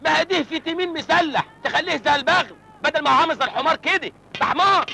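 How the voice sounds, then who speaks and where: A high-voiced, cheeky village lad in a comedy film. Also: male voice, racing, vocal fry, sharp tone, exaggerated voice, rough recording. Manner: cheeky, joking, whiny. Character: cheeky hungry young villager man, joking.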